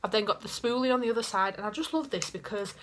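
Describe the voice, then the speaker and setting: A young beauty vlogger with a Yorkshire accent rambles casually to camera in her small bedroom, full of self-mocking asides. She talks fast at a medium pitch, her tone fairly bright. The camera is in front of her, at desk height.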